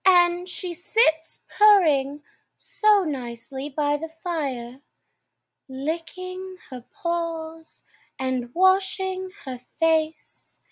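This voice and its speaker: A woman voicing a polite, eager young girl in a storybook, chatty and quick to apologise. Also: very high voice, pitched above the performer's own voice, heavily acted. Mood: soothing, dreamy. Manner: apologetic, soothing, dreamy rambling. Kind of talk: storybook character voice.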